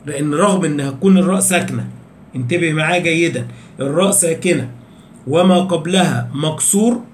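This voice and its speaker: High-voiced Egyptian man teaching tajweed. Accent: Egyptian Arabic. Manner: explains rules with repeated questions, slows down to recite examples. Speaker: Quran recitation teacher. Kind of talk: tajweed lecture. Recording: echoey room with faint background noise.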